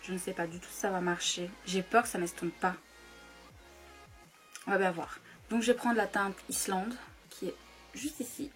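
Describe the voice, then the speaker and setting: A young woman talks her way through a makeup tutorial at her table at home, casual and chatty. She keeps her voice low so she won't disturb anyone, at a medium pitch. Faint music plays underneath. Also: steady tone, normal speed, long pauses. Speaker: beauty YouTuber.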